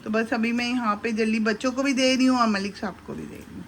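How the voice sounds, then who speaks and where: A middle-aged woman, a vlogger and mother, narrates a casual cooking vlog while making breakfast in her home kitchen, chatting to viewers and speaking fondly to her sons. Her voice is on the high side and quick, with slight background noise on the handheld-camera recording.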